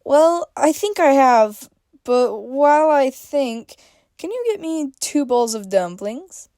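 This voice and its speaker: A woman's voice: high voice, lively intonation, takes it slowly, no room sound, studio quality, pitched above the performer's own voice. A woman voicing a cheerful, teasing young woman in a story she reads aloud. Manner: bright and teasing.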